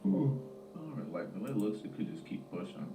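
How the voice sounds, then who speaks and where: Laid-back male trader host, deep gravelly voice, distant and echoey on a noisy call. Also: big pitch swings, brisk, music in the background. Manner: laid-back, swears freely. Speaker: stream host and day trader. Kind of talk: casual chat over live trading.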